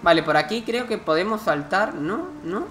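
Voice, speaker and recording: A man's voice: sits high, expressive, normal speed, fairly bright tone, a little hiss or hum. Joking man from narrating gameplay. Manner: chatty, joking, exclaims at the game. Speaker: gameplay commentator. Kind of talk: casual let's-play commentary. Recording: game music behind the voice. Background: game music.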